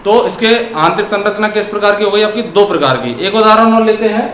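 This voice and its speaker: A man teaching grammar. He asks questions and answers them himself, and he draws words out slowly when he dictates examples. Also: high-pitched, a bit bright. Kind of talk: classroom grammar lesson. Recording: echoey room with faint noise.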